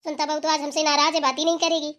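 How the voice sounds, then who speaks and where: A woman's voice: sits high, little pitch movement, rapid-fire, fairly bright tone. A woman voicing a bossy but loving old village grandmother in a cartoon, scolding and then coaxing the family. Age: older. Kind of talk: cartoon voice acting.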